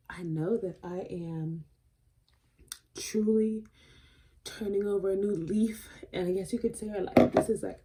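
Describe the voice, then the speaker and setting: A woman's voice: lowish voice, mellow, slight background noise. A woman in her twenties talking casually and earnestly to her vlog audience, emotional and rambling with fillers. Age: 20s. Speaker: vlogger. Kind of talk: casual vlog talk to camera.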